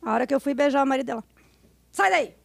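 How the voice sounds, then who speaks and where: A woman from Brazil, a podcast guest, telling frank, animated stories in casual conversation. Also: high voice, very fast, creaky, dry recording. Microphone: studio podcast mic.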